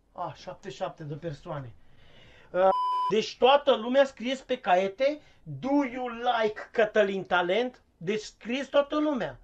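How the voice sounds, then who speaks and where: A man's voice: extremely high pitch, muffled recording. A man playing a clueless, impatient male English teacher who curses, scolds and stumbles over his words, in a comic live-stream sketch. He sounds like an everyday voice.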